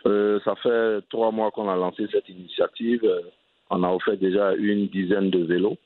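A man's voice: on the low side, flat delivery, moderate pace. A man with an Ivorian French accent, a cycling advocate answering interview questions earnestly and often restarting his phrases. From Côte d'Ivoire. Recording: dry, tinny phone-line sound.

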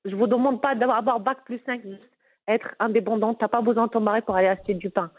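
A woman's voice: a little high, fairly even intonation, fast. A middle-aged woman with a Moroccan accent, telling her life story in an interview, earnest and emphatic with many restarts. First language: Moroccan Arabic. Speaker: interviewee, businesswoman. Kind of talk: candid personal interview. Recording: phone-like narrow band.

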